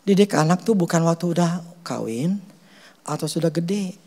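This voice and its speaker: A middle-aged man with an Indonesian accent, a pastor preaching a sermon, telling stories with loud and hushed stretches. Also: a little high, moderate pace. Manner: animated storytelling, swings from loud to hushed.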